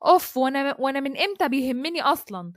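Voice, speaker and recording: A headstrong young woman speaks in a sharp, sarcastic way, as a woman storyteller voices her. The voice is high and fast. The sound is dry and close. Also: expressive, no echo.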